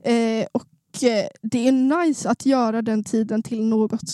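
High-pitched young woman with Stockholm accent. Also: level tone, warm tone, dry recording, clean studio sound. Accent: Stockholm Swedish. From Sundsvall, northern Sweden. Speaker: new podcast co-host. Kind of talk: casual podcast chat.

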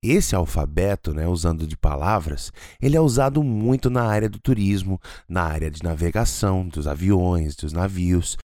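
A man hosting a podcast English lesson, slowly spelling out letters and code words. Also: lively intonation, warm tone, no echo, clean studio sound. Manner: slow and deliberate, drawing out each letter with wide pitch swings. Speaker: English teacher and podcast host.

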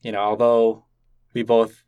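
The host here is a Canadian man with Cantonese as his first language, interviewing conversationally with gentle, curious probing. His voice is low-ish and monotone at a measured pace, with a clean tone but phone-quality sound, dry and free of room noise.

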